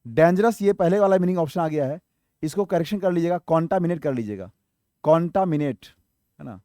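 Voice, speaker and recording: A man's voice: on the high side, expressive, brisk, warm tone, no room sound, studio quality. A man teaching English vocabulary for an exam, explaining each word, spelling some letter by letter, and asking his viewers questions that he answers himself. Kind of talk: exam-prep vocabulary lesson.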